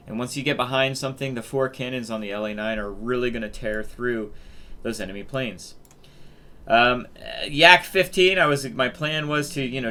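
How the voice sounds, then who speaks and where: A man in his thirties talks through a match in casual gameplay commentary. His voice is bright and forceful at a middle pitch, and he rambles, stopping and restarting his sentences with plenty of fillers. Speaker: gaming video host.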